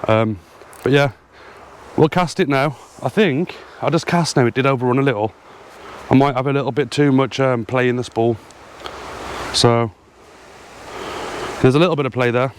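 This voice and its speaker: A man's voice: mid-range voice, moderate pace, long pauses, a little hiss or hum. A man vlogging about fishing outdoors in a field, slightly out of breath, talking casually with frequent ums to an action camera. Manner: chatty, hesitant, lots of ums. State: a little out of breath.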